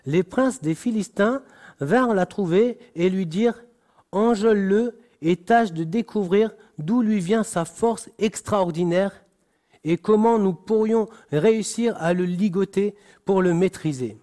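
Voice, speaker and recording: A man reads a Bible passage aloud and comments on it like a preacher. His voice sits high and his pace is unhurried. He stumbles on words and corrects himself. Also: dark tone. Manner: slow, deliberate reading with frequent restarts and apologies.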